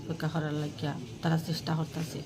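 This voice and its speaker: A woman, speaking agitatedly and loudly to a reporter outdoors in regional dialect. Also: sits low, monotone, fast. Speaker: relative of the patient. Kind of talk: interview on the spot. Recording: noisy outdoor recording.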